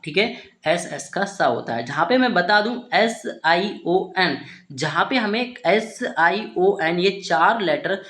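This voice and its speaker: A man's voice: high-pitched, expressive, a little slow, bright, forceful tone. A man teaching beginners to spell and pronounce English words letter by letter, often asking a question and answering it himself. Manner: repeats ठीक है, asks and answers himself. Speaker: English tutor. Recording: roomy echo.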